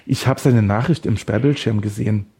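A man's voice: on the low side, a little fast, warm tone, husky. A man voicing a deranged male woodcutter who holds someone captive, taunting and smug, then creepily tender. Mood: mocking. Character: deranged male woodcutter kidnapper, mocking and obsessive.

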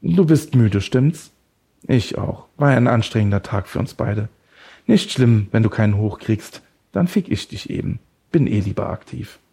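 A man's voice: on the low side, lively intonation, unhurried, vocal fry, warm tone, slightly rough, full character voice. A man voicing a deranged male woodcutter who holds someone captive, taunting and smug, then creepily tender. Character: deranged male woodcutter kidnapper, mocking and obsessive.

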